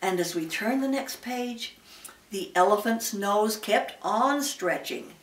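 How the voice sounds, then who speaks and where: An elderly great-grandmother reads a children's story aloud, slipping in small asides to the listener. Her voice is medium-pitched, lively in intonation, and slow. The recording sounds roomy and echoey, with the mic slightly distant.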